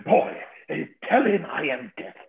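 A fat, boastful old knight, played by a man, rolls out his insults slowly and with relish, his pitch climbing and dropping theatrically. The sound is thin and phone-like, bouncing around an echoey room. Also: very animated, vocal fry, full character voice. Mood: blustering. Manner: blustering, mocking, savoring insults. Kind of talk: theatrical verse-play reading.

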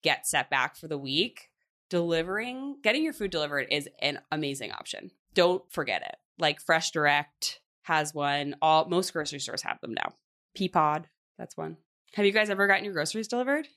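A woman's voice: deep voice, lively intonation, moderate pace, fairly bright tone. A woman co-hosting a podcast, chatting casually with many "like" fillers. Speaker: podcast co-host. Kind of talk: casual chat.

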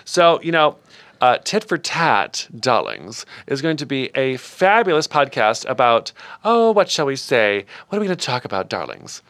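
A man's voice: medium pitch, sing-song, moderate pace, fairly bright tone, no echo. A man hosting a comic podcast as a campy, theatrical drag queen, chatting casually.

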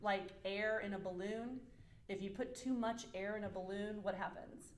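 A woman's voice: mid-range voice, fairly even intonation, normal speed, roomy sound. A woman leading a studio group discussion, asking questions and acting out examples. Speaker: discussion leader.

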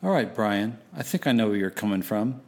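Low-voiced man doing folksy late-night DJ patter. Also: animated, fairly quick. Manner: folksy, theatrical and profane. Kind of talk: rambling on-air DJ patter between songs.

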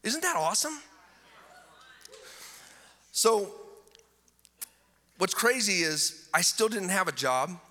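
A male pastor preaching an animated, enthusiastic sermon, often repeating words as he gets excited. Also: a little high, in a large hall.

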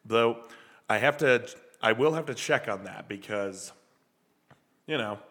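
A man's voice: fairly low pitch, expressive, unhurried, fairly bright tone. A man co-hosting a music podcast, casually sharing release news with a long echo around his voice. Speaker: podcast co-host. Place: echoey basement. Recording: long echoey reverb of a basement.

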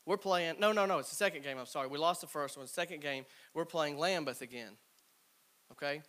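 A man in his thirties tells a team stories from his playing days, acting out his old teammates as he goes. His voice sits fairly high for a man, and it drops to soft murmurs for the asides. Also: brisk. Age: 30s. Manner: animated storyteller, acts out quoted teammates. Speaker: former college baseball player speaking to a team. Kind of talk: storytelling talk to players.

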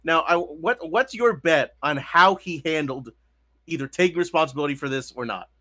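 A man's voice: fairly high pitch, moderate pace. A man co-hosting a podcast, bringing up news items and joking about them in casual talk. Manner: animated, joking, reads headlines aloud. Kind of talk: casual political chat.

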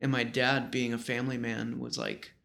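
An American guest in his thirties from small-town western New York tells stories in a casual, slangy, rambling way. His medium-pitched voice stays fairly flat, moves at a normal speed, and sounds gravelly and a bit bright.

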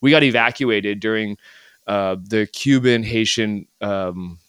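A man's voice: on the low side, takes it slowly, a bit bright, smooth, dry recording, clean studio sound. An American man talking as a podcast guest, telling stories in a rambling way with many restarts and "like" fillers. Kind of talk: casual interview chat.

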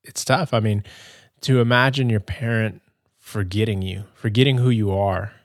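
Male podcast host, young adult, low voice, hesitant chatty delivery. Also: steady tone, moderate pace, no echo, studio quality. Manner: rambling, hesitant, many fillers and restarts. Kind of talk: casual gameplay commentary.

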